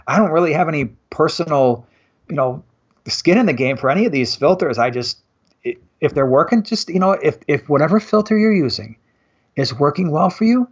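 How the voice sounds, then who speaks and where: A man chats easily as a guest, sprinkling his talk with "you know" and soft qualifiers. His voice is a touch high for a man. The sound is dull and lo-fi, as if it comes over a remote link. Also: lively intonation, fairly quick, husky. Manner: easygoing, hedging, lots of "you know". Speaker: guest on a live stream. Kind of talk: casual conversation.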